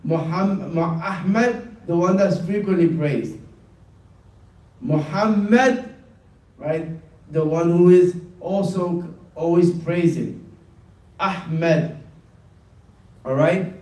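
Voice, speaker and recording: A man teaching an Arabic class, drilling each word slowly and repeating it many times. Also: high-pitched, darkish tone. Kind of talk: classroom lesson. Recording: echoey classroom from far off.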